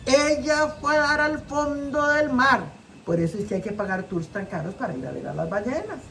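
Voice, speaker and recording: High lively costa rican lady telling folk tales, playful, mic kinda far, lil hiss. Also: moderate pace, gravelly. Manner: animated, playful. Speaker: storyteller. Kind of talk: oral folk-tale telling. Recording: distant mic with faint noise.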